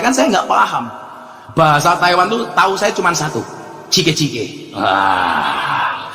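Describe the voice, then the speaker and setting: A man's voice: a little high, background noise. A man with a Javanese accent giving a humorous religious lecture, telling stories with acted-out dialogue and bursts of song. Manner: jokey storytelling, acts out dialogue, breaks into song. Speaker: preacher. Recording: echoey hall with music behind.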